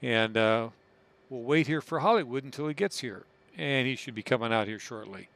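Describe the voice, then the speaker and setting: Male flight sim lead, crisp clear tone, casually talking through his actions live and informally. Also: medium pitch, normal speed, a bit bright. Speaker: flight leader in a flight simulator. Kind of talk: casual live commentary while flying.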